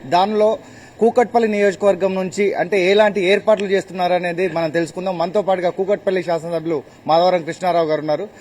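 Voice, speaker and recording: Casting: male TV field reporter, high voice, brisk formal delivery. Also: steady tone, darkish tone. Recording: faint ambient noise.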